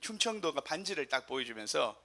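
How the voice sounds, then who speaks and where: A man's voice: fairly high pitch, sing-song, a little fast, pushed and bright. A man preaching a sermon as pastor, in a humorous, chatty way with the congregation.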